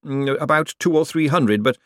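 A man's voice: fairly high pitch, normal speed, a bit bright, no room sound, clean studio sound, pitched above the performer's own voice, lightly acted. A man playing a pompous middle-aged male chief clerk who speaks icily and disdainfully, with a hesitant "mm" before his replies. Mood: uneasy.

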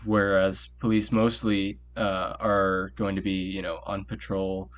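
A man's voice: low voice, little pitch movement, slow. A man co-hosting a podcast, explaining things in a laid-back way with many fillers, talking over a voice call. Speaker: podcast co-host. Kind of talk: casual chat on a call.

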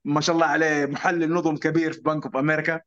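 Man, casual storytelling, animated, English words mixed in, dull lo-fi recording. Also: rapid-fire. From Saudi Arabia. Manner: animated, acts out quoted voices with sharp pitch jumps; mixes English words into Arabic. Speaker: guest telling his story. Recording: dull lo-fi sound.

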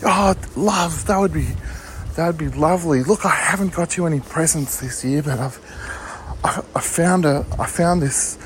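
A man's voice: on the high side, normal speed, slight background noise, pitched above the performer's own voice, close to an everyday voice. A man voicing a frazzled, chatty older Australian mother who stammers and fusses, spoken into a phone. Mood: doting. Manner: stammering, restarts, fussy repetition.

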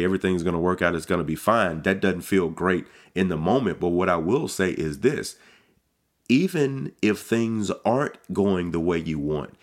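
A middle-aged man, a pastor, giving a casual devotional podcast talk, conversational and often repeating words as he starts sentences. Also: low-pitched.

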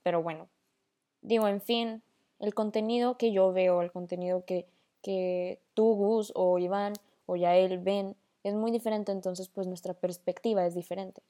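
A woman's voice: mid-range voice, steady tone, unhurried, warm tone. A young woman with a northern Mexican accent hosting a casual voice-memo podcast, rambling and mixing in English slang. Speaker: podcast host.

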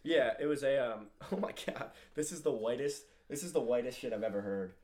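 Young man, podcast co-host, casual chat, jokey, mid-pitched. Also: animated, brisk, darkish tone. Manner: joking, laughs often, tosses in trivia.

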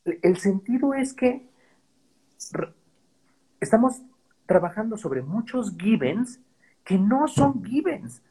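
A man with a Mexican accent is a podcast guest telling stories casually, slangy and profane, constantly throwing in "¿sabes?". His high, husky, mellow voice swings widely in pitch and moves slowly with long pauses, and the audio is poor.

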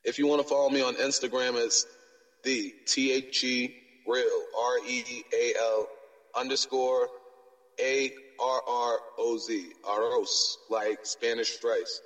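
A man's voice: mid-range voice, little pitch movement, slow, fairly bright tone. Casting: male interview guest, mid-range voice, colloquial and laid-back, reverberant recording. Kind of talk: casual chat.

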